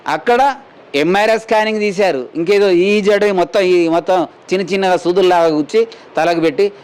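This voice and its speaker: Fairly quick and clear, this resonant high-voiced man from Telangana, India, is a mine worker telling a news camera about his injury. The retelling rambles plainly and features the words of others in dialogue.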